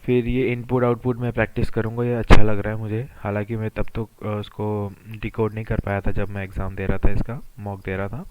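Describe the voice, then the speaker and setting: A young man with a cold, his voice gone hoarse, chatting casually as he reviews his mock test results and keeps adding tag questions. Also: fairly low pitch, little pitch movement, a little fast, hardly any pauses, background noise. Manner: chatty, often adds "है ना". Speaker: exam aspirant channel host. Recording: dull lo-fi recording.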